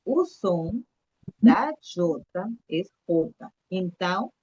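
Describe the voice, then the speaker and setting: A woman's voice: on the low side, very animated, drawn-out words, warm tone, dull audio, slight background noise. A woman teaching a live online Spanish lesson to children, patiently repeating letters and coaxing the kids to answer.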